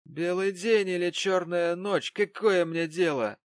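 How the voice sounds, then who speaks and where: A man's voice: high voice, measured pace, vocal fry, fairly bright tone, dry recording, pitched above the performer's own voice, full character voice. A man voicing a cruel, drunken young husband in an audiobook, snarling and contemptuous. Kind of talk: audiobook character voice.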